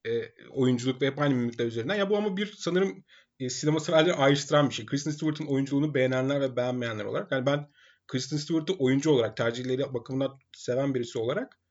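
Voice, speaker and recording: Fast-talking man co-hosting a film podcast. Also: medium pitch, darkish tone, lo-fi sound. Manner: opinionated, rapid, teasing. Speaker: podcast co-host. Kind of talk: casual film chat.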